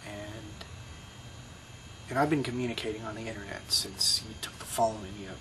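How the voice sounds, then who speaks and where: A middle-aged video blogger with a Brooklyn accent rambles reflectively in a casual personal monologue, full of you-knows and restarts. His voice is on the low side with fairly even intonation and a moderate pace, and there's background noise.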